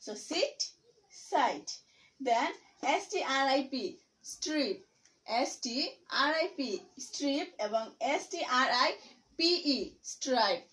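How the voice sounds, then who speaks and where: A woman from Bangladesh, teaching English pronunciation by spelling out letters and repeating each word slowly. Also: sits high, animated, fairly bright tone, poor audio. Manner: slow, deliberate spelling and repetition.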